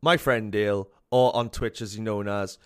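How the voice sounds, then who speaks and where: A man's voice: on the low side, steady tone, moderate pace, smooth. Young South Welsh male podcast host, chatty interview style, heavy on fillers. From South Wales. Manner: chatty, upbeat, frequent fillers and repeats. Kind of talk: casual interview chat.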